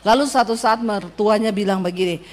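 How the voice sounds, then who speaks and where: A woman preaching a sermon, telling stories with lively quoted voices and calling to her congregation for an amen. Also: mid-range voice, fairly quick.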